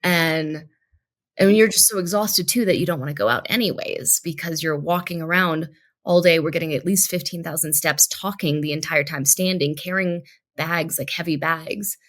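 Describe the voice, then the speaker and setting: A woman podcast host in casual, animated chat, laughing often. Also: sits low, moderate pace.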